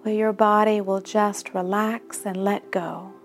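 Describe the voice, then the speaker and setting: A woman narrating a guided meditation in a soft, soothing manner with long pauses between phrases. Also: medium pitch, flat delivery. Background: background music.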